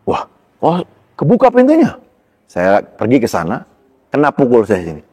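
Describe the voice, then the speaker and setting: Animated man telling his story. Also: moderate pace, husky, long reverb tail. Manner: animated storytelling, pitch jumps high in tense moments, laughs between lines. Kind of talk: personal testimony in casual talk.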